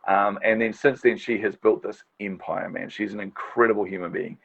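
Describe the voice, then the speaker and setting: A middle-aged man with a gravelly, low voice tells stories in a casual interview, enthusiastic and chatty, with plenty of fillers. He speaks as a marketing strategist and podcast host. The audio is dull and lo-fi. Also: steady tone, normal speed.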